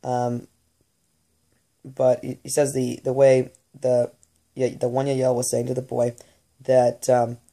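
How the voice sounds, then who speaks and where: A woman in an unscripted spoken monologue, recounting messages she says she receives, halting often with fillers and restarts. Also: rumbling low, monotone, mellow. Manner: muses aloud, working through ideas as she speaks. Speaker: channeler recounting spirit messages.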